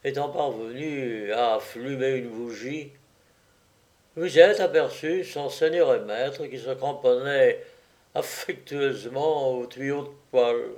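A man reading a comic story aloud as narrator, in an unhurried, wry way. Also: medium pitch, a little mellow.

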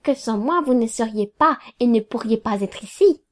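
A woman's voice: fairly high pitch, expressive, normal speed, close to an everyday voice. Woman doing a stern, commanding lawyer. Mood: severe. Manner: clipped, commanding, sharp rebukes. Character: stern, curt middle-aged male lawyer.

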